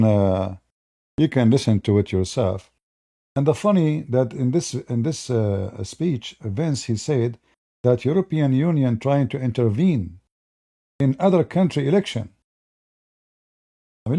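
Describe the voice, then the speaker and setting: This man's mid-range voice is a little slow and broken up by long pauses. Mellow and relaxed, he talks directly to his viewers in rambling, mocking political commentary, frequently restarting what he's saying.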